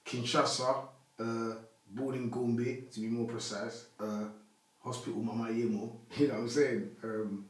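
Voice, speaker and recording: A man's voice: mid-range voice, a little slow. A man, a podcast guest chatting loosely with a lot of slang. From Congo. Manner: relaxed, rambling street slang. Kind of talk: casual interview chat. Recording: echoey room, mic at a distance.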